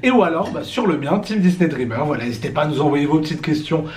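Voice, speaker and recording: A man co-hosting a casual vlog, excitable and playful, laughing often. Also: on the high side, quick pace, a little hiss or hum. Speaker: YouTube co-host.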